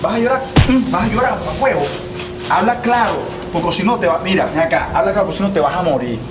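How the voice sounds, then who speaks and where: A man's voice: high-pitched, expressive, quick pace. A man playing a brutal Venezuelan interrogator cop. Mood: threatening. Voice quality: menacing, taunting. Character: brutal, mocking male cop interrogating a suspect. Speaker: police interrogator. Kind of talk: gritty web-series acting. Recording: echoey room with loud noise.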